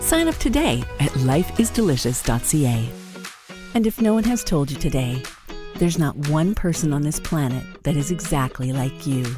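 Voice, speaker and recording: A woman's voice: sits low, sing-song, normal speed, music in the background. A woman hosting a podcast, affirming and friendly, with frequent small laughs. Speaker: podcast host. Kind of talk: podcast interview and outro.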